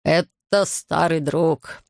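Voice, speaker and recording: A man voicing a drunk, boastful, sentimental fisherman, dragging and slurring his words in a gravelly voice. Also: fairly high pitch, steady tone, measured pace, dry recording, clean studio sound. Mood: maudlin toasting. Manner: slurred, dragging, loud and maudlin.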